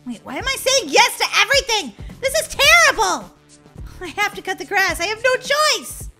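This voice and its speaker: A young woman hosting a gaming channel, narrating and playing her character in a playful, animated way. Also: very high voice, fairly quick, over loud music. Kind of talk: gaming role-play narration.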